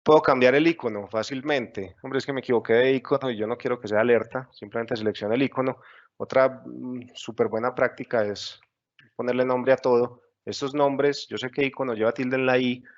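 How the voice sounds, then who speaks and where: A man's voice: mid-range voice, fairly even intonation, fairly quick, dull audio. A man teaching a webinar tutorial, explaining patiently step by step with frequent fillers. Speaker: software instructor. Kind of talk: screen-share webinar tutorial.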